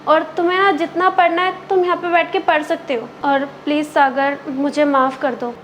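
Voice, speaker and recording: A woman's voice: a little fast, a bit bright, slight background noise. A young woman playing an arrogant rich wife who scolds and mocks her driver. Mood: remorseful. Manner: shrill, scolding, mocking. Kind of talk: amateur web drama acting.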